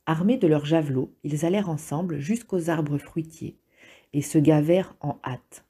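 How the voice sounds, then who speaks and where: Woman reading a novel aloud, husky voice, really dark mellow tone. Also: sits low. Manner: measured, steady reading. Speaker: audiobook reader. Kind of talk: calm literary audiobook narration.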